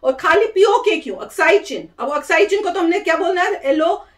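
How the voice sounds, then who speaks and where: A woman's voice: very high voice, lively intonation, brisk. A woman co-hosting a reaction video, chatting casually and opinionated, laughing often as she talks. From India.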